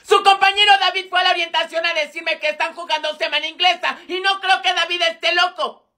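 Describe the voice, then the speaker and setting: A man's voice: very high-pitched, fairly even intonation, brisk, bright, forceful tone, exaggerated voice. A man with a Mexican Spanish accent voicing a strict female school counselor in a comedy skit. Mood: stern. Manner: stern, scolding, sketch comedy.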